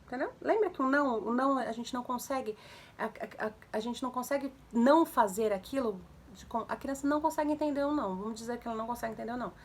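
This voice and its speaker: A young woman casually giving parenting advice to viewers, animated, acting out commands in a raised voice. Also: fairly high pitch, quick pace. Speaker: mother sharing parenting tips.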